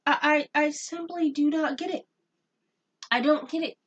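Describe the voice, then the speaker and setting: A woman's voice: high-pitched, steady tone, moderate pace, distant mic, muffled recording. A young woman ranting in a casual home vlog, exasperated and repeating her points for emphasis. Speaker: vlogger. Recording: voice a bit off-mic.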